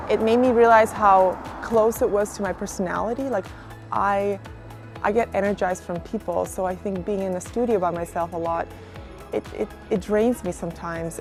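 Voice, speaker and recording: Reflective woman artist over soft music. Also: medium pitch. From Kazakhstan. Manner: reflective, many fillers like "sort of" and "like". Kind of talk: interview monologue.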